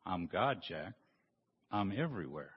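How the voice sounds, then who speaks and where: A preacher putting on a calm, deep voice of God. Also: male voice, breathy edge, full character voice. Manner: low, calm, unhurried. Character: calm, patient God speaking from above. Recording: dull recording with long church reverb.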